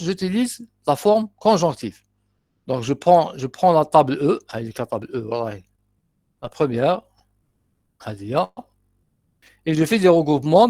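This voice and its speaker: A middle-aged man with an Algerian accent lectures a university class, walking through exercises step by step, repeating terms and adding short asides. His voice is on the high side and a little mellow, recorded dry with clean studio sound.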